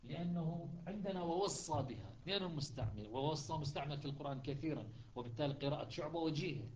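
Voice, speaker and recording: A man's voice: a little high, animated, fast talker, a little mellow, lo-fi sound, slight background noise. A man teaching a classroom lesson on Quran recitations, explaining step by step, repeating words and checking that his students follow.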